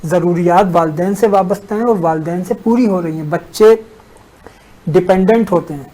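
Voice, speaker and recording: A man as a religious scholar on a talk show, explaining a teaching in a measured way and unfolding a story with pauses. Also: high voice, mellow, poor audio.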